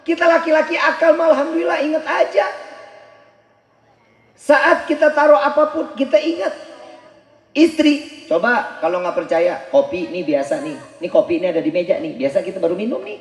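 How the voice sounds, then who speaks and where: A man giving a humorous sermon, firing rhetorical questions at the crowd and now and then breaking into shouts for emphasis. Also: very high voice, animated, normal speed. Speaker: preacher. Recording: echoey live venue.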